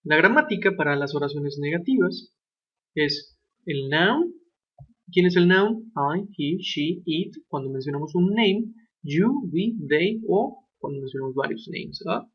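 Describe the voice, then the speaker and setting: A man explaining English grammar slowly and deliberately, asking his students questions as he goes. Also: a little high, animated. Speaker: English teacher. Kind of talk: grammar lesson narration. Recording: dull lo-fi recording.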